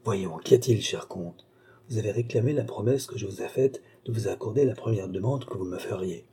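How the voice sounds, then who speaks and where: A man voicing a vain, imperious young countess in an audiobook, brisk and teasing. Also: on the low side, creaky, warm tone, husky, exaggerated voice. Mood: hushed.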